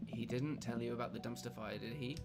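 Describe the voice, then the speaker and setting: A man's voice: medium pitch, fairly quick, creaky, loud music behind the voice. A young man, a streamer reading a dating game aloud and chatting about it in a playful, self-mocking way. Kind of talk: let's-play commentary, reading game dialogue aloud.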